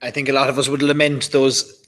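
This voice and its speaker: A man's voice: medium pitch, little pitch movement, brisk, fairly bright tone. An Irish-accented man hosting a live online chat in a casual, conversational way. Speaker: host of a live online tasting.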